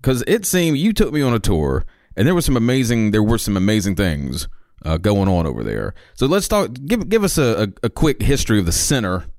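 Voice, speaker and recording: Lively low-voiced joking man host. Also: brisk, dry recording, studio quality. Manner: playful and jokey, hamming it up. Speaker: podcast host. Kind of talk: casual podcast chat.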